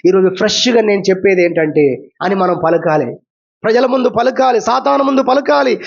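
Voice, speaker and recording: A man's voice: sits high, creaky, lo-fi sound. A man preaching a sermon as pastor, building repeated phrases into rising exclamations.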